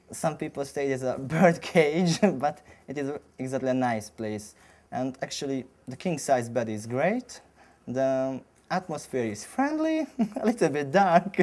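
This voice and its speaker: A man from Hungary with a Hungarian accent, giving informal interview remarks in halting, non-native English. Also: medium pitch, animated, a little mellow. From Budapest, Hungary. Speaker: competition barista.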